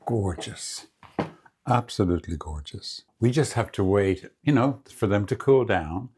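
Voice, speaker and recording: A man hosting a casual home cooking demonstration, chatting in a relaxed way and savoring the food aloud as he tastes it. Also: on the low side, a little slow, background noise.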